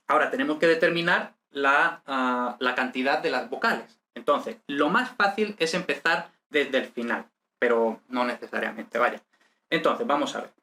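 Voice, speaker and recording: A man's voice: fairly high pitch, bright, forceful tone. A man teaching a lesson step by step, hesitant, with many fillers and checking questions. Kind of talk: step-by-step lecture.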